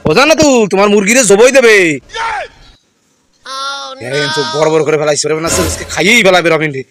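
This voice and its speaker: A man's voice: a little high, expressive, a little fast. A playful man teases a little girl and keeps turning to his viewers. It sounds like a phone video shot outdoors in a yard, with plenty of background noise. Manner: teasing, addresses viewers directly. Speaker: vlogger filming a child. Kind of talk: playful family vlog chatter.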